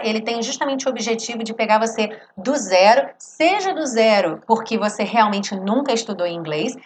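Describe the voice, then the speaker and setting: A woman teaching English in a live online lesson, explaining step by step and slowly modelling English phrases for her students. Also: a little high, a little hiss or hum.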